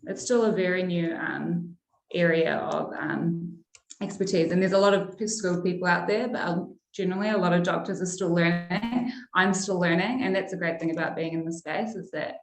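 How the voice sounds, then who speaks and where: A young adult woman from Iraq, a pharmacist turned sales manager, talks through her work in a friendly, casual way, often pausing on ums. Her voice sits slightly low for a woman, and the room gives it a noticeable echo. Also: fairly even intonation. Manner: friendly, chatty, frequent ums. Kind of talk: casual interview answers. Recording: roomy echo.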